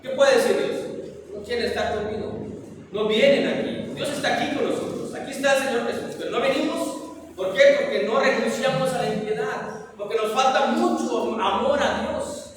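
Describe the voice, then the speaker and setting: A man's voice: extremely high pitch, normal speed, heavy reverb, long reverb tail, far from the mic, a little hiss or hum, poor audio. A male pastor delivering a sermon in a church, preaching emphatically and asking his listeners rhetorical questions. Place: church meeting hall.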